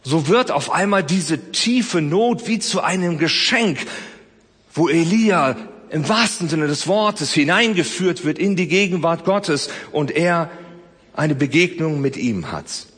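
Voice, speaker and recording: Expressive male preacher in a reverberant hall. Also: fairly high pitch, a little slow, slightly rough. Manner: expressive preaching, swinging from loud to soft. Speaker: pastor. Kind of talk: sermon.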